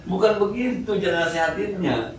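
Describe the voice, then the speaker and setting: A middle-aged man with a Betawi Jakarta accent preaches at a mosque study circle, his voice high, animated and brisk over slight background noise. His sermon is joking and slangy, acting out everyday scenes, and it's recorded from a distance in an echoey mosque hall.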